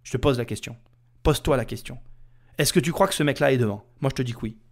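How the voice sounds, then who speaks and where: A man's voice: medium pitch, fast. A man hosting a podcast, heated and indignant, talking straight to the listener. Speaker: podcast host. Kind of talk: ranting podcast commentary.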